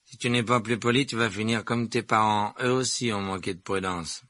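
A man's voice: fairly low pitch, steady tone, moderate pace, fairly bright tone, dry recording, lightly acted. A man voicing an arrogant, contemptuous rich boy who drawls his insults. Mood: menacing.

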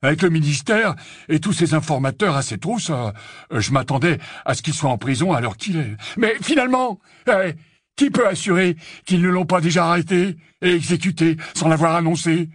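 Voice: medium pitch, animated, moderate pace, dry recording, studio quality, voice pushed up, lightly acted. A reader doing a glum, heavy-toned grown man.

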